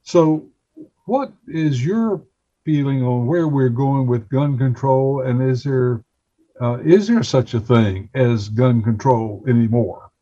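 A man's voice: mid-range voice, slow, warm tone. A man hosting a broadcast interview show, heard as a dull recording taped off the radio. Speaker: talk show host.

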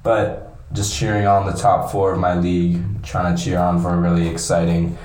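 Deep-voiced man in an echo chamber. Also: normal speed. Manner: relaxed, heavy on filler words. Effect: echoey bathroom-like room sound. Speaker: co-host. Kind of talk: casual chat. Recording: echoey small room, faint hiss.

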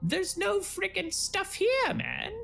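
A frightened, stammering goblin survivor pleads for mercy, as a man puts him on during a tabletop game. The voice is gravelly and creaky, and it swoops up and down in lively, jumpy pitch. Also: slow, faint music behind, full character voice. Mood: pleading. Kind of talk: tabletop role-play voice.

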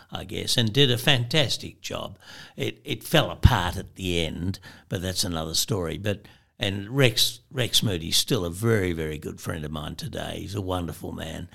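Older Australian bloke, low gravelly voice, yarn-spinning guest who acts out the people in his stories. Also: moderate pace, a bit bright. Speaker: guest, former publican and fly fisher. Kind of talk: anecdotal storytelling.

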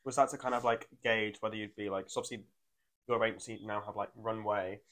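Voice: medium pitch, fairly even intonation, a little fast, a bit bright. A young adult with a Durham accent from North East England, hosting a casual podcast interview with informal, loosely phrased questions. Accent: Durham, North East English. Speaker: podcast host. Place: living room.

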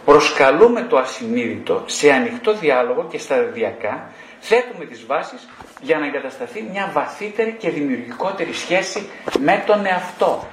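A man's voice: on the high side, big pitch swings, reverberant, slight background noise. A male psychotherapist giving an explanatory lecture, often posing rhetorical questions.

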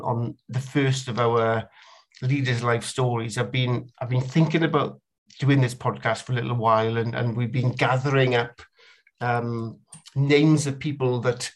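A man in the United Kingdom hosting a podcast interview, talking in a halting way with lots of ums and repeated words. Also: medium pitch. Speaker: podcast host. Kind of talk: conversational interview.

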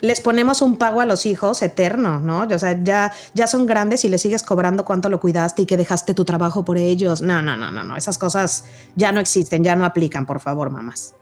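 A woman hosting a podcast, telling lively personal stories and reacting quickly. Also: on the low side, soft background music. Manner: chatty, animated anecdotes, quick reactions. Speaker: podcast host. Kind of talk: casual podcast conversation.

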